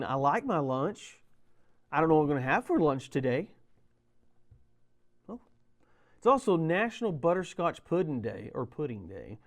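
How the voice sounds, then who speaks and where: A middle-aged man with a drawl hosts a small-town community show. He talks in a loose, rambling way, drifting into jokey asides as he goes. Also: a little high. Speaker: local show host. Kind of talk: casual chat.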